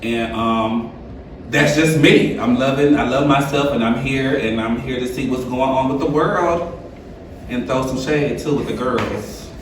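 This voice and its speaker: A man's voice: mid-range voice, measured pace, a little hiss or hum. A man in his early thirties introducing himself as a reality show cast member, sassy and joking. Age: 30s. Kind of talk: casual self-introduction. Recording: echoey room, distant mic.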